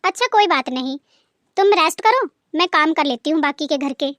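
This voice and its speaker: A woman doing a gentle caring sister-in-law. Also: high-pitched, lively intonation, normal speed, dry recording, clean studio sound. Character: kind honest hardworking elder sister-in-law.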